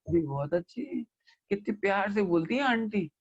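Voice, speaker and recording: A man gives a lively scripture discourse, scolding and questioning his listeners. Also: sits high, normal speed, highs cut off. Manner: animated, scolding, mimics listeners and asks them questions. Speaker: Jain scholar giving a scripture discourse. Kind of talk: sermon.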